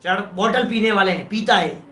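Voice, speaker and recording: A man's voice: high voice, moderate pace, bright, forceful tone, reverberant. A man, a preacher giving a sermon who explains a verse phrase by phrase and asks the listeners rhetorical questions. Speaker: Jain preacher.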